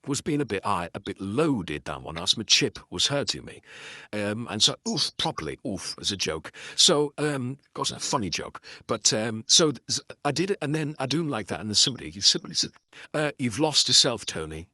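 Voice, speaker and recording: A man's voice: mid-range voice, very animated, a little fast, bright, forceful tone, dry recording, studio quality. A middle-aged man with a Geordie accent chatting about a detective book, wandering into self-deprecating asides, with lots of ums and false starts. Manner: digressive, self-deprecating, full of ums and restarts. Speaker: audiobook narrator. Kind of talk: casual rambling commentary.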